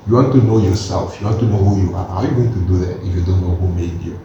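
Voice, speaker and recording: A fast-talking 21-year-old man with a low-sitting voice co-hosts an informal chat, earnest and animated, peppering his explanation with slang. The background is noisy, and the distant recording in an echoey room sounds dull.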